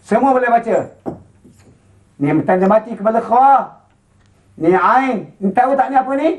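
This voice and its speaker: A Quran recitation teacher with a Malaysian Malay accent, chanting slow model verses and then quickly explaining and quizzing pupils. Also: mid-range voice, expressive. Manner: quizzing pupils with short questions. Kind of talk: classroom lesson with call-and-response.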